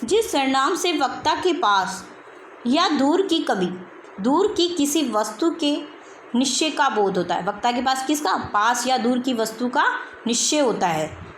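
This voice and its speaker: Woman teacher, high pitch, patient question-and-answer explaining, faint background hum. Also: reverberant. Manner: repeats example sentences slowly, asks and answers own questions. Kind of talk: grammar lesson.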